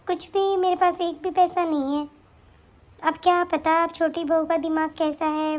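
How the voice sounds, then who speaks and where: A woman voicing a middle-aged mother-in-law who complains helplessly about household money, in an animated story. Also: high voice.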